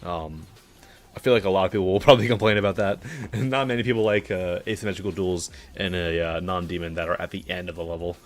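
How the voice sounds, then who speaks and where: Low-voiced man casually streaming. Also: fast talker. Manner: relaxed, offhand, with filler words and dry sarcasm. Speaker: streamer reviewing game levels. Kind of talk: casual live-stream commentary.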